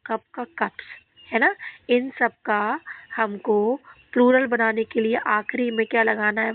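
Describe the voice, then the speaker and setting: A woman with a fairly high voice teaches a children's English grammar lesson, posing questions, answering them herself, and repeating the key words. The audio is dry and phone-like, with no echo.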